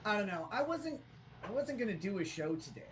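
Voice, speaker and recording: A man chatting on a live stream through a tinny, low-quality built-in computer mic, rambling and restarting his sentences. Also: big pitch swings, brisk, slight background noise. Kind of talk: casual live-stream chat.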